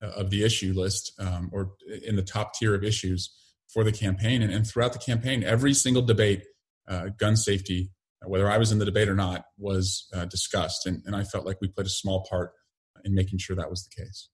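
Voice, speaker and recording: A middle-aged man giving interview answers in a halting way, full of fillers and restarts. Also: low-pitched, little pitch movement. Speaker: interview guest, congressman.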